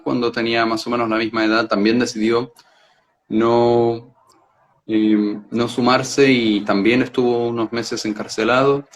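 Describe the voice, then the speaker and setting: An Israeli man with a mid-range voice speaks as an interview guest, on audio with the highs cut off. He explains things reflectively and hesitantly, searching for words and repeating them.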